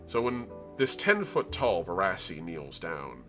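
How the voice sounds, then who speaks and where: A man's voice: deep voice, very animated, a little slow. A man running a tabletop game, improvising narration and casually explaining scenes to players. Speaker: game master. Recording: prominent background music.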